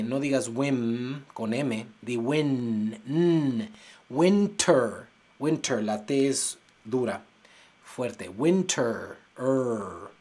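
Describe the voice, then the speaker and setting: A man teaching English pronunciation, exaggerating sounds slowly to demonstrate them. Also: mid-range voice. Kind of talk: pronunciation lesson. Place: United States.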